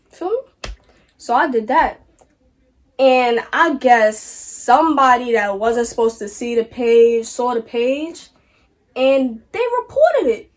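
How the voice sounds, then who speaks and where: Animated teenage girl telling a story. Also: high-pitched. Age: teens. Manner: animated storytelling with slangy asides, acting out quoted lines. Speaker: vlogger. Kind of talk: storytime vlog.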